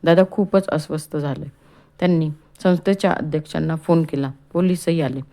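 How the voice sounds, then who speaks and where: A woman reads a storybook chapter aloud in a calm, steady way. Her voice sits low and sounds mellow and warm. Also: normal speed, vocal fry. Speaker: audiobook narrator. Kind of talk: scripted storybook narration.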